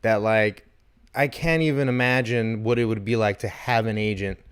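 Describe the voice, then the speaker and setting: A man's voice: fairly low pitch, steady tone, moderate pace, clear, resonant tone. A man in his thirties co-hosting a comedy podcast, rambling and joking with lots of swearing. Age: 30s. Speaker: podcast co-host. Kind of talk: casual chat.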